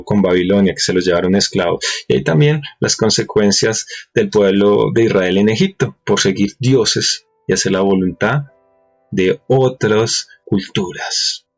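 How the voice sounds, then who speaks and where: A man preaching a sermon, reading verses aloud and asking his listeners questions. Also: on the low side. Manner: asks rhetorical questions and reads verses aloud. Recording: dull lo-fi recording with faint music.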